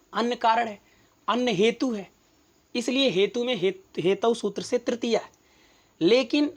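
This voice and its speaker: Patient Sanskrit teacher explaining grammar. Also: mid-range voice. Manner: repeats and glosses each word patiently; recites Sanskrit rules and verse, then explains. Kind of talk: classroom-style text explanation.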